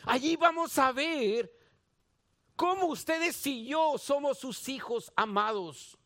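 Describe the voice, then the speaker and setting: A man with a Guatemalan Spanish accent preaches a sermon in a very high, bright voice. He speaks slowly and deliberately, repeating phrases for emphasis and putting direct questions to his listeners. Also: expressive. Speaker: pastor.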